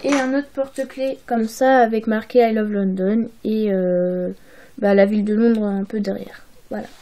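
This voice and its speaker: A woman's voice: mid-range voice, steady tone, normal speed, mellow. A young woman presenting her holiday purchases in a casual haul video, hesitant and full of fillers and restarts. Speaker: vlogger.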